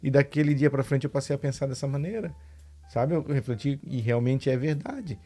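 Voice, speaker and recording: A man's voice: mid-range voice, moderate pace, mellow. A man with a Brazilian Portuguese accent, a podcast co-host and father, talking in casual reflective chat, hesitant and repeating words.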